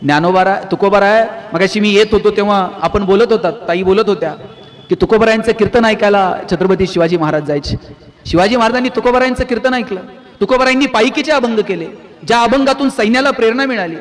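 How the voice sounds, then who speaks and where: A man with a strikingly high voice delivers a motivational speech to a live audience. He tells stories and swings between loud, pointed peaks and hushed drops. The sound carries a long reverb from a large hall. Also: quick pace. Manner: rousing, storytelling, with sharp rises and drops in pitch and loudness. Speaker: motivational speaker.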